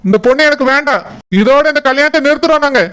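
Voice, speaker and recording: A man's voice: very high voice, background noise. Man voicing a fussy, offended cartoon groom. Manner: quick, complaining.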